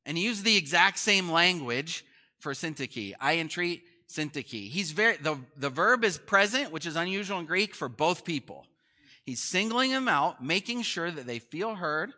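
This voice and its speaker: A man's voice: fairly high pitch, sharp tone. A man preaching a sermon as pastor in a conversational way, often asking the congregation questions.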